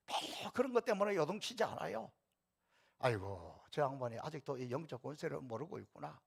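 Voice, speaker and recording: Male pastor, middle-aged, sermon in a church, husky, high-pitched, conversational. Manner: conversational preaching, acts out quoted retorts; addresses congregation directly. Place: church sanctuary.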